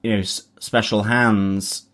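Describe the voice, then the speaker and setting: A man's voice: fairly low pitch, level tone, slow, fairly bright tone. A man, co-hosting a casual chat and working through his thoughts with many restarts. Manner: hesitant, restarts often, thoughtful. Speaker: podcast co-host.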